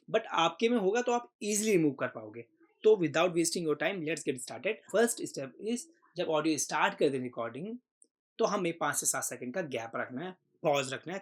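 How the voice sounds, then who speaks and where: A man hosting a software tutorial, patiently explaining each step and mixing in English terms. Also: on the high side. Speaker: tutorial host. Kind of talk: screen-recorded software tutorial.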